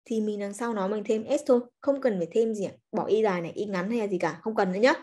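A woman's voice: mid-range voice, quick pace, warm tone. A woman English teacher, giving a chatty livestreamed grammar lesson and coaxing students with frequent check-ins. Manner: chatty, coaxing, peppers speech with "ok" and "nhá".

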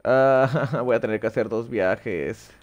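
A young man with a Mexican accent streams a game from a small room at home on a headset, chatting casually with viewers, thinking aloud and swearing lightly. He speaks slowly in a mid-range voice, and the audio is dull.

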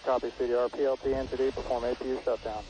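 A man's voice: medium pitch, little pitch movement, very fast, warm tone. Clipped man on a launch control radio loop. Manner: clipped, businesslike. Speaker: launch control team member. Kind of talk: procedural radio loop callouts. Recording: faintly noisy radio loop.

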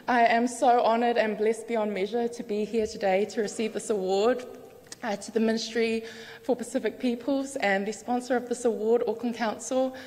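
A woman's voice: on the high side, fairly even intonation, moderate pace, darkish tone. A woman in her twenties, teary and humbled, giving a gracious acceptance speech. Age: 20s. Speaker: award recipient. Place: large hall on stage. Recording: long hall reverb.

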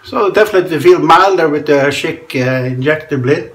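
Shaving in a small tiled bathroom, a man from Norway in his forties keeps up casual talk and chuckles often between remarks, his Norwegian accent clear. His voice is a little high and fairly bright, at normal speed, captured at close range by a camera in front.

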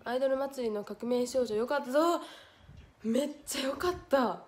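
Her voice sits high with a darkish tone at normal speed: a young woman, an idol livestreamer with a Hiroshima Japanese accent, chatting casually on her stream. She reads out viewer comments and thanks them amid frequent giggles.

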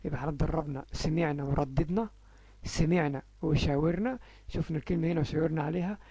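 A male Egyptian teacher with a gravelly, mellow voice, slowly stretching out letter sounds in a phonics lesson for small children. Egyptian Arabic accent, recorded dry with no room echo. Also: on the high side, highs cut off. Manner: slow, drawn-out sounding of letters. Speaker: English teacher for young children.

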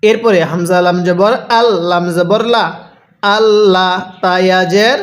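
A male Quran teacher with a Bangladeshi Bengali accent and a high voice works through the text one letter and vowel at a time. He speaks slowly and patiently, stretching the recited words out long. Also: steady tone. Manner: slow, patient spelling of letters and vowels, drawn-out chanted recitation. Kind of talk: spelled-out recitation lesson.

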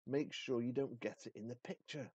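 A man's voice: mid-range voice, normal speed, darkish tone, slightly rough, no room sound, highs cut off, voice pushed up, lightly acted. A man voicing a fussy teenage girl actress who hisses her words. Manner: hissing, fussy.

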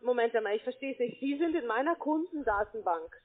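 On a thin, band-limited phone line, a woman with a slightly high, expressive voice talks at a quick pace. She is a telephone sales agent and account manager whose sales call has turned into an argument, and she answers defensively and persistently.

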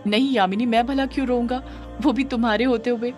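A woman voicing a grieving, guilt-ridden young man, speaking in a quiet, sorrowful inner monologue for an audio horror story. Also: a little high, fairly even intonation, fairly quick, faint music behind, voice pushed up, close to an everyday voice. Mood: evasive.

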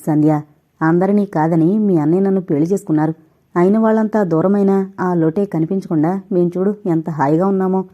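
A woman's voice: on the low side, steady tone, a little fast, mellow, lightly acted. A woman voicing a kind sister-in-law who consoles a younger woman, in an audio novel. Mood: consoling. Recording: dull lo-fi recording.

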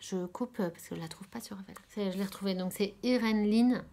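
A woman from France hosting a casual knitting podcast, talking hesitantly with many fillers, often dropping to a soft near-whisper and repeating her words of praise. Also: medium pitch, quick pace, a little hiss or hum. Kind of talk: casual chat about knitting.

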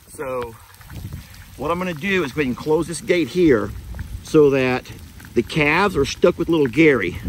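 A man's voice: mid-range voice, slight background noise, low-quality recording. Chatty man vlogging a rainy ranch. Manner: chatty, talks straight to viewers. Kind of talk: casual vlog narration. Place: outdoors on a rainy ranch and in a vehicle.

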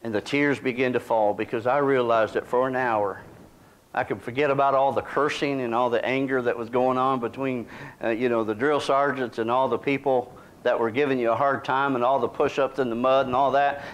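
A man's voice: mid-range voice, fairly even intonation, moderate pace. A middle-aged man, preaching a sermon in a small church in a folksy, conversational way. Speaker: pastor. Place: small church sanctuary, indoors.

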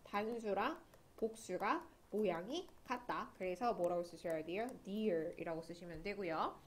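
A woman's voice: medium pitch, measured pace, slight background noise. A young woman teaching an English grammar lesson online, chatty and often checking that students follow along.

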